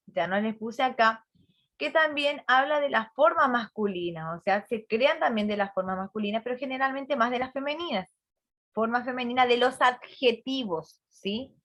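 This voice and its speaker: A woman's voice: high-pitched, fairly bright tone. Chatty teacher woman on a video call. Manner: chatty, repeats words, asks the class questions. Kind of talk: online class lecture.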